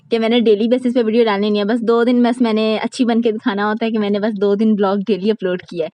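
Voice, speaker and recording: A young woman with a Karachi Urdu accent, narrating a casual vlog in a fast, chatty way and laughing often. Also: mid-range voice, darkish tone, no echo. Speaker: vlogger.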